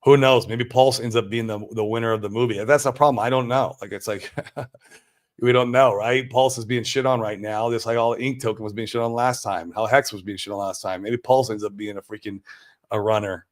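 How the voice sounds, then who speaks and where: This American man runs a livestream, responding to viewers' comments live in a relaxed, slangy, exclamatory way. His voice is mid-range and steady, and his delivery is brisk.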